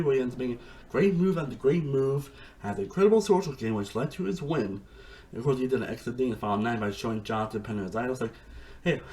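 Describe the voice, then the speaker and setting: A man giving a casual, rambling review monologue, excitable, with frequent restarts and swearing. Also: mid-range voice, rough recording. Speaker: reality TV reviewer.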